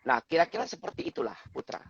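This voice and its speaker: A man's voice: fast, a bit bright, slight background noise. A man as the guest expert on a talk show, lecturing on communication and acting out example phrases in different tones. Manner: lecturing, acts out example phrases with changing intonation. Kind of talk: explanatory talk show chat. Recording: dull lo-fi recording.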